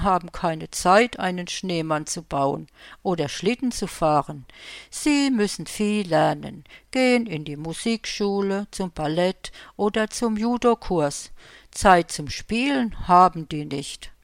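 A woman voicing a friendly, talkative blue spruce tree in a storybook reading, calling out brightly. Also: fairly low pitch, lively intonation, unhurried, dry recording, studio quality. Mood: lively. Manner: calls out loudly and brightly.

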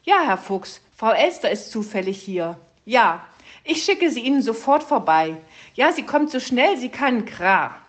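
A woman reading a storybook and voicing a fussy, scholarly male raven who croaks "Kra" at the end of his sentences. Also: medium pitch, lively intonation, a little slow, close to an everyday voice.

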